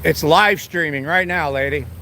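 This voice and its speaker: A man's voice: fairly high pitch, normal speed. A man live-streaming outdoors at a police station, arguing in a taunting, scolding way. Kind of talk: confrontational live-stream argument. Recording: noisy outdoor recording, vehicle sounds.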